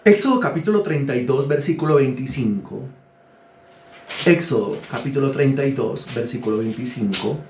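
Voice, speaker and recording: A man's voice: mid-range voice, expressive, normal speed, darkish tone, reverberant, slight background noise. A man preaching a teaching sermon, asking his listeners questions and telling them what to write down. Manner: asks the congregation questions and dictates words to write. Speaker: pastor.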